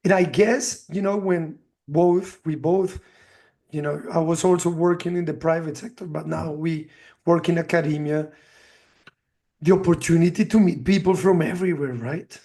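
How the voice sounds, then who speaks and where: A man with a notably high voice hosts a casual podcast interview. He asks his questions in a friendly, conversational way. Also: steady tone, moderate pace, mellow. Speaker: podcast host.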